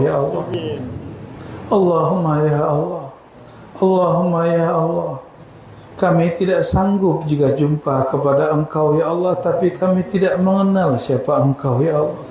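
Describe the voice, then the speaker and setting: Middle-aged guy leading a pleading prayer, kinda high voice, big echoey hall. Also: warm tone, a little hiss or hum. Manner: fervent, pleading, repetitive invocations. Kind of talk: closing supplication at a religious study evening. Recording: very echoey hall, faint ambience.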